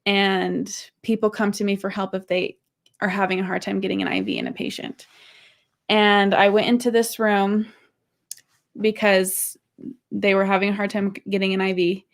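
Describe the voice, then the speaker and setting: Gravelly-voiced woman teaching casually. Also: mid-range voice, normal speed. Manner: candid, conversational, shares personal stories. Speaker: podcast host and marriage course teacher.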